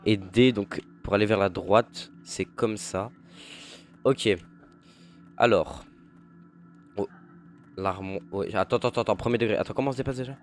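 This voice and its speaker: A man's voice: fairly low pitch, normal speed, long pauses, a little hiss or hum. A young man giving casual, chatty commentary while playing a horror game, jumpy and swearing when startled. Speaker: gaming youtuber.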